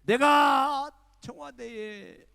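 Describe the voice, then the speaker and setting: A man's voice: extremely high pitch, very slow, gravelly, voice pushed up, exaggerated voice. An older man voicing a wronged army general who sobs and pleads aloud to God. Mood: anguished wailing. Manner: sobbing, pleading, shouting. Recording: echoey church hall.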